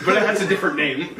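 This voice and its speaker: A man's voice: sits high, noisy background. A young man hosting, casually reading his own comedy script with lots of giggles and rambling restarts, in an echoey room. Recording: echoey room mic from far off.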